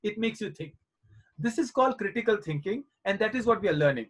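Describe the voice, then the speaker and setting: A man's voice: high-pitched, lively intonation, a little fast, husky. A man in his forties teaching children in a live online class over a video call, reassuring and coaxing them and repeating his points. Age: 40s.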